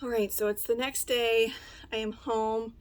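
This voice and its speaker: A woman's voice: fairly high pitch, level tone, measured pace, dry recording. A woman narrating a casual thrift vlog as a reseller, chatting and thinking aloud with frequent fillers. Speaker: reseller vlogger.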